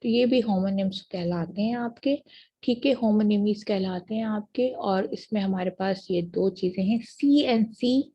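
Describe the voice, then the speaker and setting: A woman university lecturer with a Pakistani accent, explaining terms patiently and reading English definitions slowly, in a muffled lo-fi recording. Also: medium pitch, fairly even intonation, mellow, husky. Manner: patient, repeats checks like "theek hai ji" after each point. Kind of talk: classroom lecture mixing Urdu and English.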